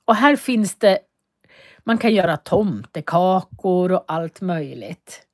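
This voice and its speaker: A woman teaching Swedish in a live online lesson, speaking slowly and clearly and repeating phrases for learners to copy. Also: lowish voice, lively intonation. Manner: walks viewers through web links on screen.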